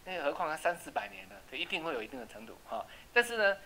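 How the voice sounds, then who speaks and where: A man teaching an English class, chatty and checking with students, slowing down to repeat words for pronunciation. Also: high-pitched, big pitch swings, gravelly, pushed and bright, slight background noise, rough recording. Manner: asks "right?" often. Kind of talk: classroom lesson.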